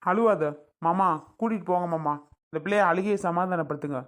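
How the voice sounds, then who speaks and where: A man's voice: high voice, fairly quick, a bit bright. A man acting in a village family drama, firm and reassuring.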